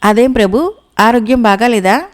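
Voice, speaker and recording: A woman's voice: fairly high pitch, normal speed, natural voice. A woman voicing a patient, deferential male minister speaking politely to his king in a storybook. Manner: polite, soothing.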